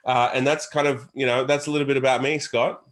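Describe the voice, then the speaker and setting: An Australian entrepreneur, appearing as an interview guest, answers questions in an earnest, emphatic and motivational manner, repeating phrases. His mid-range voice is fairly quick, with a flat delivery.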